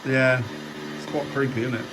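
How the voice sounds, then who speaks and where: A man's voice: medium pitch, flat delivery, normal speed. An English man on a ghost hunt, calling out questions to spirits and joking aside in an old building. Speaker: paranormal investigator. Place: old building indoors at night. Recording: noisy on-location camera audio.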